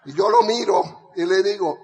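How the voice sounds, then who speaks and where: Older man, motivational speaker, high voice, gravelly, echoing hall. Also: normal speed, faint music behind. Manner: animated, builds to rallying shouts, laughs often. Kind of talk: storytelling speech to an audience. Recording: reverberant hall.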